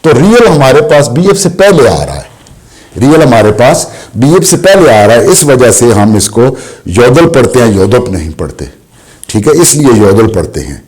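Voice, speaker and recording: A man teaching a language lesson, explaining slowly and asking questions he answers himself. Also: medium pitch, very animated, a little mellow, husky. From Pakistan. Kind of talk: classroom lesson.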